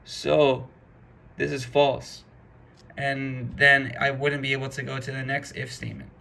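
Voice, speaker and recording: A man's voice: mid-range voice, monotone, a little slow, gravelly, bright, forceful tone. A man giving a casual programming lesson, talking through code step by step in a chatty way. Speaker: programming instructor. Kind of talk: casual screen-recorded coding lesson.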